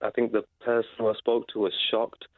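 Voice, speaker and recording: A man calling in to a radio show, speaking haltingly with many fillers and pauses. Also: lowish voice, monotone, no room sound. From Britain. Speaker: caller. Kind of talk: phone-in radio call. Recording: tinny phone line.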